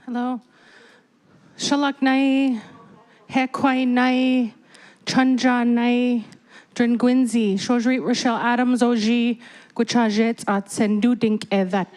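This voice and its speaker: A woman shareholder introducing herself formally and addressing a meeting in measured, repeated phrases. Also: on the high side, little pitch movement, darkish tone. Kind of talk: formal public comment speech. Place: hotel meeting hall.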